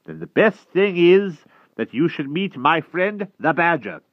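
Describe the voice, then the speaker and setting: Man doing a chirpy old wizard, higher and louder than his own voice, bouncy, dull lo-fi sound. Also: dry recording. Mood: fussy. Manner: brisk, cheerful, raised and animated. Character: old male wizard, cheerful and fussy tutor.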